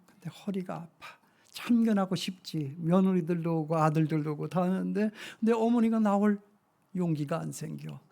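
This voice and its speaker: A male pastor in his sixties preaching a sermon, telling stories with feeling and swinging from hushed to loud. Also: high-pitched, vocal fry. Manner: emotional storytelling, shifting from hushed to loud. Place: church sanctuary.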